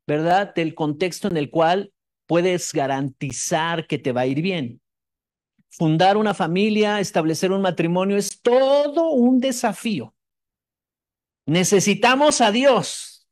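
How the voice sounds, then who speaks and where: Man preaching an emphatic sermon, high voice. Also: a little mellow. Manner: emphatic, repeats phrases for emphasis, shifts from fast asides to slow stressed words. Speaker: pastor.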